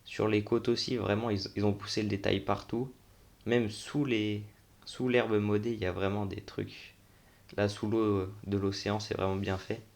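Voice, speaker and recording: A young gaming video host gives an unscripted, casual tour of a game, thinking out loud in slangy everyday language. His voice is fairly low, very flat and monotone, with lots of vocal fry, and he talks at a moderate pace.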